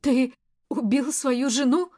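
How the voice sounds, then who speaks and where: Audiobook heroine: frightened, defiant young woman, high tense voice, read by a woman. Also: slow. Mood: tense, fearful. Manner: pleading, then shouting in distress.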